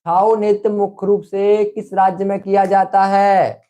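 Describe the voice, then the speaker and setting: High-voiced man coaxing a live class. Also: level tone, measured pace, mellow, lo-fi sound. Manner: coaxing, repetitive, calls students brother. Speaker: online exam-prep teacher. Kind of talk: live online class quiz.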